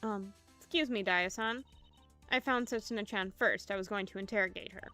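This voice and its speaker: A woman's voice: medium pitch, normal speed, pushed and bright, soft background music, close to an everyday voice. A woman reading the lines of an earnest, friendly young female protagonist in a game, in a polite, plain way.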